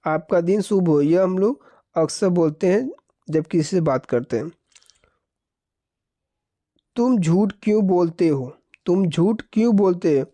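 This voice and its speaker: A man from India with a Hindi-speaking Indian accent teaches spoken English, repeating each phrase slowly and switching between Hindi and English. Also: high voice, mellow, no echo. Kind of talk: slow spoken-English lesson.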